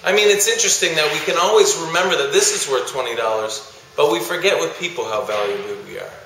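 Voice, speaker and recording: Male speaker, bright voice, lively storytelling, very echoey room. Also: fairly high pitch, fast talker, slight background noise. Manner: animated storytelling, acting out audience reactions. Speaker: speaker to student groups. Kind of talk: vlog monologue.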